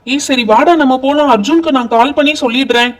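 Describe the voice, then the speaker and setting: A helpful, chatty young boy in a doll play rattles along, as a man voices him. The voice is very high and quick, recorded a little far off the mic, with a reassuring, friendly manner. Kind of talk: doll pretend-play voice acting.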